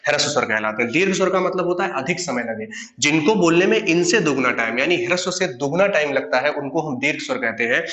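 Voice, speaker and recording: A man's voice: fairly high pitch, expressive, quick pace, fairly bright tone, reverberant. A young man teaching a grammar lesson to online students, who asks questions and then answers them himself.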